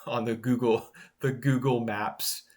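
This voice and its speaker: A man co-hosting a podcast, chatting casually about anime, relaxed and quick to laugh. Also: mid-range voice. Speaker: podcast co-host. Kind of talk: casual chat reviewing anime.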